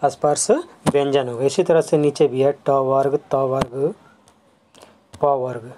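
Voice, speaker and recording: Slow, patient Hindi school teacher. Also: mid-range voice, fairly even intonation, noisy background. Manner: explains step by step, repeating each term; asks the class quick questions and answers them. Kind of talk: classroom lesson on letters and sounds.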